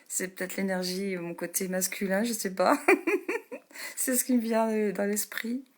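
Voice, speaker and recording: On a live stream, a female meditation host and energy healer calls out viewers' names in a slow, soft manner, her tone steady throughout. She often laughs, sometimes sinks to a whisper, and mentions having a low voice.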